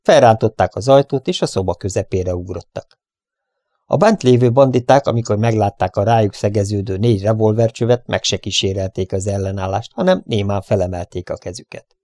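A man reading a western adventure novel aloud, lifting his voice higher and louder for the characters' lines and dropping low for the narration. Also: dry recording, studio quality. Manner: raises pitch and volume for characters' lines, drops low for narration. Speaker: audiobook reader.

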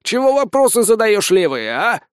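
A man's voice: high voice, very animated, normal speed, clean tone, no echo, clean studio sound, pitched above the performer's own voice. A man voicing a bossy old woman demolitions expert who talks curtly and commandingly. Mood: stern. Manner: curt, commanding, slangy. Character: gruff old granny demolitionist, bossy and sharp.

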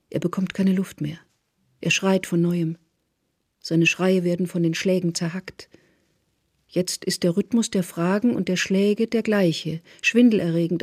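A narrator reading a radio drama in a measured, often hushed, near-whispered voice. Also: mid-range voice, slightly rough, no echo, studio quality.

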